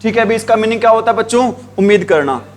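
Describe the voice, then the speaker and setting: A man teaching English grammar, asking the same questions again and again and drawing out the words he spells. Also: high voice. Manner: repetitive call-and-response questioning, drawn-out spelled words. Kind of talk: classroom grammar lesson in Hindi.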